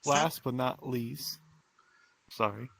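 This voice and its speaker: A man's voice: medium pitch, slow, vocal fry, a bit bright, dry recording, low-quality recording. A man hosting a podcast, chatting casually and bantering with friends. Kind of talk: casual chat.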